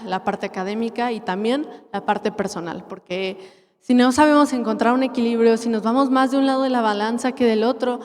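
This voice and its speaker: A woman's voice: on the high side, a little mellow. A young woman with a Mexican accent giving a motivational conference talk, telling her story and acting out quoted dialogue. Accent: Mexican Spanish. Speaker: conference speaker. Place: large lecture hall. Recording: long hall reverb.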